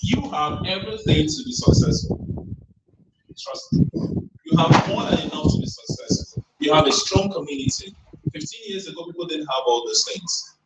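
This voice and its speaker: A man's voice: high voice, huge pitch swings, moderate pace, very noisy. A man giving an emphatic, rallying motivational talk at a tech event, drawing the audience in with call-and-response questions. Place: event hall. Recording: roomy hall, voice from far off.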